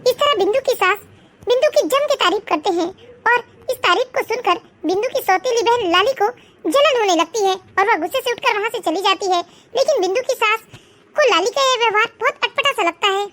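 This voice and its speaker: A woman's voice: very high voice, lively intonation, a little fast, fairly bright tone. A woman narrating a cartoon family story in a plain storytelling way.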